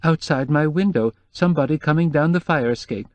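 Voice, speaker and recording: A male audiobook narrator takes on a timid, nervous middle-aged housekeeper who whimpers, frets and trails off hesitantly. His delivery is on the high side, lifted well above his own pitch, slightly fast, and close to an everyday voice. The recording is close and dry.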